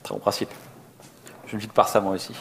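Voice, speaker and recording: Here the voice is lowish and flat, delivered at a quick pace with a faint hiss or hum in the background. He's a software architect presenting an informal, joking tech talk before an audience, often at his own expense.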